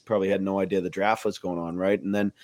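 A man's voice: low voice, flat delivery, fast talker, darkish tone, dry recording. A man co-hosting a podcast, asking casual questions and often checking in with "right?". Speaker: podcast co-host.

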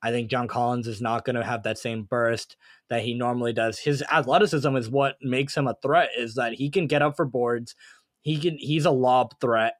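A man's voice: mid-range voice, steady tone, moderate pace, dry recording, studio quality. A man co-hosting a sports podcast in casual chat, rambling and thinking aloud as he goes. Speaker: podcast co-host.

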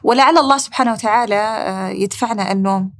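A woman with a Saudi accent, a talk show guest speaking in a thoughtful, measured way. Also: mid-range voice, a bit bright. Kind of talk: calm conversational talk.

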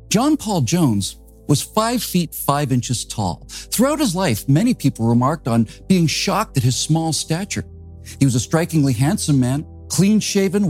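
Lively dramatic male history narrator. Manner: dramatic storytelling with wide pitch swings.

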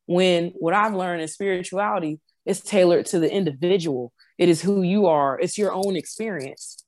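A woman's voice: fairly low pitch, normal speed, darkish tone, no room sound. A woman in casual conversation, explaining her views earnestly and often stopping to restart a phrase.

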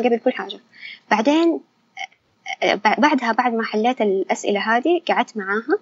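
A woman's voice: on the high side, dry recording, muffled recording. A young woman, candidly telling her personal story as an interview guest. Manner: candid, animated storytelling with quoted dialogue.

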